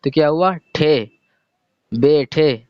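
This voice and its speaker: A man teaching a reading lesson, patiently explaining letter by letter and sounding words out slowly. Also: on the high side, smooth, dry recording. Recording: dry, dull lo-fi recording.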